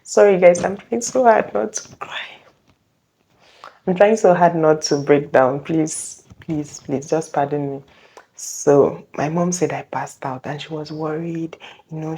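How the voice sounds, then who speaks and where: A young woman with a low, mellow voice tells her own story to the camera. She speaks earnestly, pauses often, and corrects herself as she goes. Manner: earnest, halting, with frequent self-corrections. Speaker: vlogger sharing a personal testimony. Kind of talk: casual personal storytelling.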